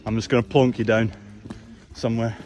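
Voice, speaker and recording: A man's voice: mid-range voice, little pitch movement, fairly quick, darkish tone. A Scottish man, a farmer, talking casually through his work on the farm, practical and self-deprecating as he explains. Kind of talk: casual farm vlog narration. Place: outdoors on a farm. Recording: noisy outdoor farm recording.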